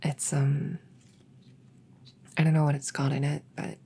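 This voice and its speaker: A shy, smitten elf woman, acted by a woman in a soft ASMR role-play. Her voice is extremely breathy with a creaky fry, and she moves very slowly through hesitant, rambling, gently caring sentences full of awkward stammers. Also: sits low, little pitch movement, full character voice. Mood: gentle, caring.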